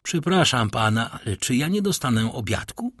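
A man's voice: mid-range voice, expressive, a little slow, husky, no room sound, clean studio sound. A man voicing a proud, hungry male banker held captive, who talks in a wheedling yet haughty way.

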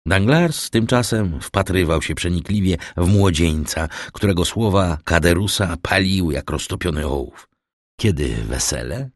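A man narrating an audiobook of a classic novel with measured, expressive storytelling into a close studio mic. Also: deep voice, dry recording.

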